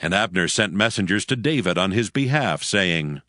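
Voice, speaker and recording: A man narrating dramatized scripture from a script in a measured, formal manner. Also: low voice, expressive, sharp tone, no room sound, studio quality.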